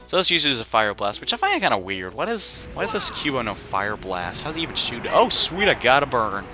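A young man does let's play commentary, rambling casually over game music in a chatty, self-deprecating way with plenty of fillers. His mid-range voice swoops wildly in pitch, and he talks a little fast.

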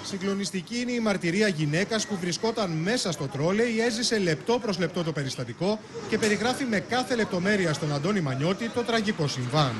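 A male news reporter reading scripted narration in a measured, formal way. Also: high voice, animated, a crowd in the background.

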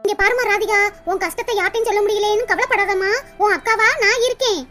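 A woman voicing a scheming, gossipy middle-aged village woman in a cartoon comedy, sweet-talking out loud and plotting in muttered asides. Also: extremely high pitch, fast talker, soft background music. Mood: coaxing. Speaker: cartoon character voice.

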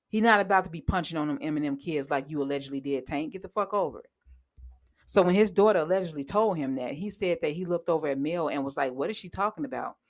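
A woman giving blunt, sarcastic, heavily profane commentary on reality TV gossip, speaking with sudden animated outbursts. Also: sits low. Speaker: commentary vlogger.

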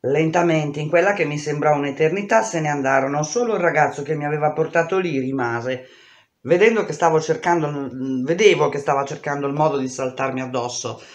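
A woman reading a memoir aloud in an intense, expressive way, shouting out the dialogue. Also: deep voice, brisk, echoey room. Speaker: reader. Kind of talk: dramatic audiobook reading.

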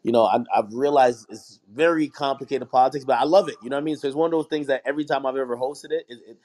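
A young man from Jamaica chats loosely in an online voice room. He rambles, restarts his sentences and keeps asking "you know what I mean." His pitch sits in the middle for a man. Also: fast, darkish tone. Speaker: hip hop media personality. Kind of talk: casual audio chat room conversation.

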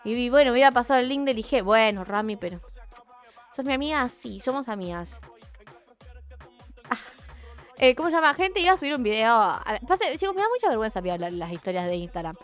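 A woman's voice: fairly high pitch, very animated, brisk, long pauses. Slangy Argentine young woman streaming. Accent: Argentine Spanish. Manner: rambling, joking and self-deprecating, slangy. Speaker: livestreamer. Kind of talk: casual live-stream chat. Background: faint music.

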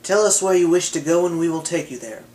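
Male reader doing a smooth-talking sailor, slightly pushed. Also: fairly high pitch, fast talker, a little mellow, reverberant, natural voice. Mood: coaxing. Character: rough male sailor, falsely reassuring.

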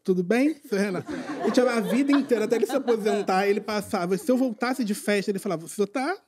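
A man's voice: sits high, racing, a crowd in the background. A middle-aged man telling a comic story to a studio audience, laughing as he goes and acting out voices. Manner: excited, laughs through his story, acts out voices.

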